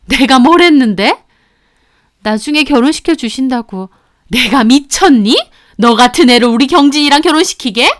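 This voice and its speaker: A woman's voice: high-pitched, lively intonation, moderate pace. A woman voicing a scornful middle-aged rich mother who shrieks and belittles. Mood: shrieking.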